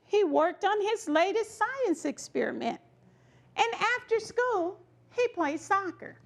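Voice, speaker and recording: With a high, creaky voice, a woman reads a children's story aloud with lots of expression. She stresses words emphatically, pauses for drama, and slips in chatty asides to her young listeners.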